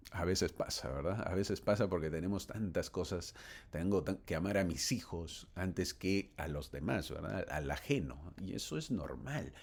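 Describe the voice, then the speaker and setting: A man's voice: deep voice, creaky, darkish tone. A man teaching a church scripture class, telling a story in a chatty, rambling way and laughing as he goes. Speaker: church Sunday school teacher. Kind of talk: conversational scripture lesson with anecdote.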